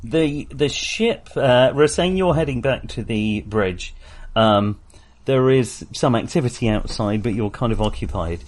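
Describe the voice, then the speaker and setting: A man's voice: medium pitch, animated, measured pace, hardly any pauses. A man narrating as game master, hesitant and full of fillers.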